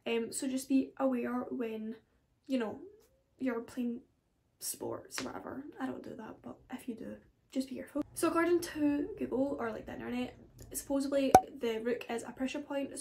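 A woman's voice: high voice, normal speed, gravelly, dark tone, slight background noise. A woman, chatting casually to camera as a vlogger, rambling with frequent asides. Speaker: beauty vlogger.

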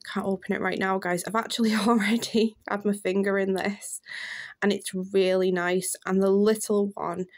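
A woman in her thirties talks straight to her viewers in a chatty, gushing way. Her voice sits at an ordinary middle pitch for a woman. She sounds excited about every item she picks up. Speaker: beauty vlogger. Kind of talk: casual unboxing chat to camera.

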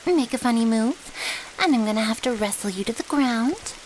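In poor audio with a hissy, rain-like backdrop, a woman with a fairly high, lively voice lightly acts the part of a cheeky, loyal vampire's thrall. At a moderate pace, she's casual, flirty and smugly teasing in this intimate ASMR roleplay.

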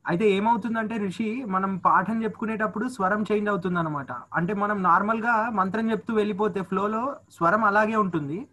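A man's voice: high-pitched, fairly quick, pushed and bright. A man in an online class, respectfully reciting Vedic words back to his teacher and relaying questions to other students. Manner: deferential, repeats teacher. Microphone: video call.

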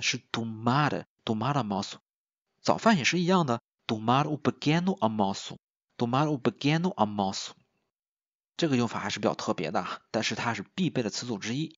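A man teaching a recorded language lesson in a chatty way, asking his listeners questions and slowly repeating each example word. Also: medium pitch, fairly bright tone, no echo. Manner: slow, drawn-out repetition of example words. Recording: dull, dry voice-over.

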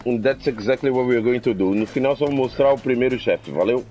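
Um homem brasileiro comentando uma partida, misturando português e inglês, exasperado e soltando gritos de desespero. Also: male voice, medium pitch, fairly quick. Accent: Brazilian Portuguese. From Brazil. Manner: exasperated, swings into loud cries of despair. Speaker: gameplay streamer. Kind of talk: gameplay commentary in Portuguese and English. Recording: game music faintly behind.

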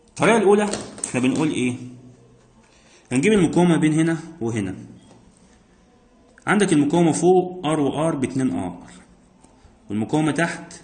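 A man's voice: medium pitch, a little mellow. A man with an Egyptian accent, teaching physics by working exam problems step by step, asking himself questions and answering them. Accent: Egyptian Arabic. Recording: roomy echo.

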